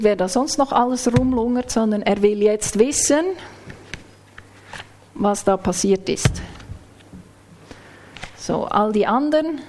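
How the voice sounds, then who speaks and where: A woman preaching a sermon in a measured, explanatory way, working through a Bible passage phrase by phrase. Now and then she sinks into soft, almost whispered asides. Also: medium pitch. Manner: explains text closely, acts out quoted lines.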